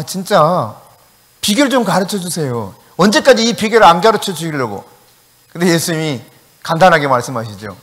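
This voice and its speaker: Man, pastor, lively sermon, higher voice, acts out scenes, echoing church hall. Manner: animated, acts out dialogue, shouts commands. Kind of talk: sermon with storytelling. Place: church sanctuary.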